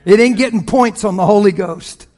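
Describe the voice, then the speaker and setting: A man in his fifties, a pastor, tells stories in a sermon with lots of animation and frequent laughter, dropping to a hush and rising to a shout. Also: high-pitched, normal speed. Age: 50s. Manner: animated, laughs often, swings from hushed to shouting. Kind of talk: sermon storytelling.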